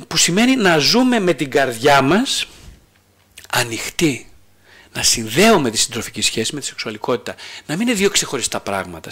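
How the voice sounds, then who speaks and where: A man's voice: fairly high pitch, fairly bright tone. A male psychotherapist giving an explanatory talk on psychology, stopping to ask his own rhetorical questions and answer them, with some hesitant restarts. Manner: hesitant restarts with drawn-out fillers.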